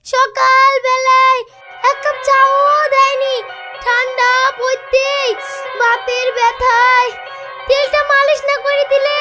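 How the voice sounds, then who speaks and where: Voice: extremely high pitch, little pitch movement, slow pace, sharp tone, soft background music, full character voice. A performer playing a complaining old grandmother with aching joints in a family drama, grumbling and groaning. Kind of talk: Bengali family drama acting.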